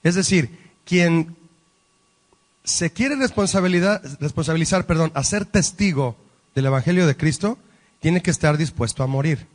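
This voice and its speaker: A man's voice: a little high, normal speed. A man preaching a Bible-study sermon, emphatic and asking the congregation rhetorical questions. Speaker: pastor. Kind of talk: sermon teaching.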